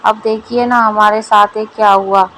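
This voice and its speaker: A woman's voice: medium pitch, little pitch movement, moderate pace, fairly bright tone, slight background noise, close to an everyday voice, low-quality recording. A woman voicing a fearful, devoted village wife who speaks anxiously and pleads. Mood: pleading.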